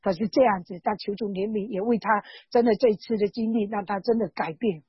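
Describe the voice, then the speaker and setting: A woman's voice: medium pitch, fairly quick, slightly rough, no room sound, lo-fi sound. A woman giving an earnest, emotional religious testimony at church, repeating herself often.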